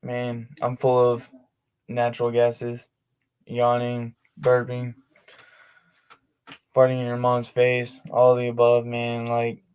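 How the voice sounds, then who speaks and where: Flat-toned, laid-back male streamer. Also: medium pitch, slow pace, pauses often, clear, resonant tone. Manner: laid-back slangy talk full of "like" fillers. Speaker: streamer of his own tabletop game sessions. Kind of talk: casual livestream chat.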